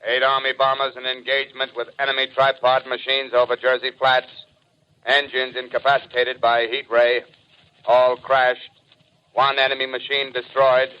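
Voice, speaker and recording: Man acting monotone military radio operator. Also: medium pitch, moderate pace, close to an everyday voice. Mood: impersonal, grave. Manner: monotone formal call-out. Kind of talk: 1930s radio drama acting. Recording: muffled, faintly noisy 1930s radio recording.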